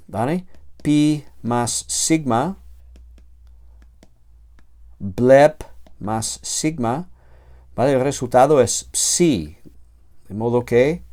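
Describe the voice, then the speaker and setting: A man teaching a grammar lecture, slow and halting, with many self-corrections and filler sounds, drawing out the word forms he spells. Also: medium pitch, dark tone. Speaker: theology teacher.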